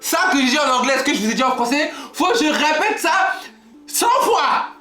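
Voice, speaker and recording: A young man with a high, lively voice telling stories to his viewers in a casual, animated way, acting out both sides of the conversations. The sound is roomy and echoey, with faint music in the background. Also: fairly quick. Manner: animated, acts out exchanges with customers. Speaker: vlogger. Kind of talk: casual storytelling to camera.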